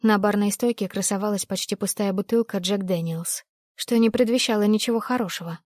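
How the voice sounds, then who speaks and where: A woman reading a first-person story aloud as an audiobook narrator, in a steady, measured storytelling manner. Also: mid-range voice, no room sound, clean studio sound.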